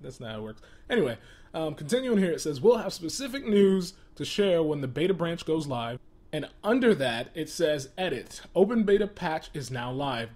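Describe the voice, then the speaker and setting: A man's voice: a little high, darkish tone. A man hosting a casual gaming commentary video, exasperated, often laughing and stumbling over repeated words.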